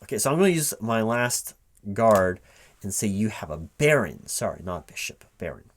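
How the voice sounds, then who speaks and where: The speaker, a man with a fairly low pitch and wide pitch swings, portrays a recruiting manager interviewing a gamer in an unwhispered ASMR roleplay. He talks casually and in fits and starts to an unheard partner, as if figuring things out on the spot.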